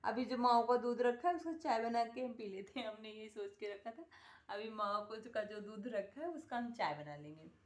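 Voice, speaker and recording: A woman's voice: fairly high pitch, expressive, moderate pace, a little mellow. A woman filming a casual home vlog at night, cooing to a pet in doting baby talk. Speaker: vlogger.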